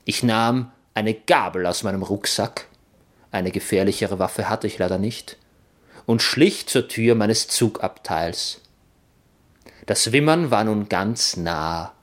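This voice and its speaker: A man reading a children's adventure story aloud in first person, with expressive, playful delivery. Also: on the low side, slow pace. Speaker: narrator.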